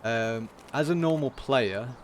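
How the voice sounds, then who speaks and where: A man streaming a game, talking through it in a casual, monotone commentary. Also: mid-range voice, takes it slowly, slight background noise.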